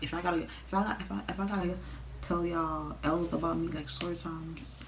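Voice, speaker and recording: A young woman telling a casual, animated storytime rant, blunt and exasperated, swearing freely as she talks straight to viewers. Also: on the low side, normal speed, very noisy. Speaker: storytime vlogger.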